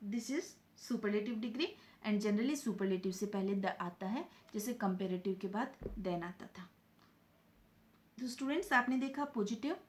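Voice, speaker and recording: A woman's voice: mid-range voice, a little mellow. A woman teaching a grammar lesson, explaining step by step and answering her own questions.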